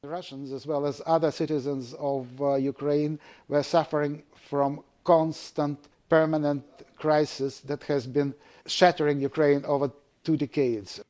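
A man speaking as a live interpreter voice-over, in a measured, flat translating delivery. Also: a little high. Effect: live interpreter voice-over, heard from further off.

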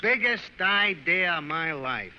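An actor playing a scheming, upbeat American showbiz agent with slick, excitable patter in old-time radio drama style. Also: male voice, fairly high pitch, takes it slowly. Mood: excited. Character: fast-talking, scheming, upbeat male showbiz publicity agent. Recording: muffled, noisy old radio-era recording.

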